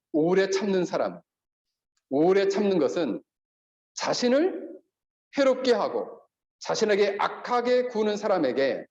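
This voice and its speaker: A man preaching a sermon as pastor, animated and acting out quoted speech. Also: sits high. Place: church sanctuary. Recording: echoey, slightly dull church recording.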